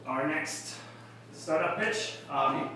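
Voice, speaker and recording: A man hosting a tech meetup, introducing pitches in a loose, rambling way full of fillers. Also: animated, slow. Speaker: meetup host. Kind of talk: event emcee introductions. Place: event space at a tech meetup. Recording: echoey room, mic far off, noisy.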